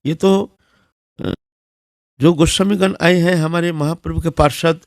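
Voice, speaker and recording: A man's voice: fairly high pitch, steady tone, unhurried, dry recording, clean studio sound. A man with a Bengali accent giving a devotional discourse, telling a story and chanting Sanskrit verses. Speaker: devotional speaker.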